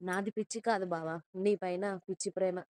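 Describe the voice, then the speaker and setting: A woman's voice: fairly low pitch, fairly even intonation, a little fast, darkish tone, smooth, no room sound, lightly acted. A woman voicing a stubborn, lovesick young woman who pleads tearfully in an audio story. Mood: pleading.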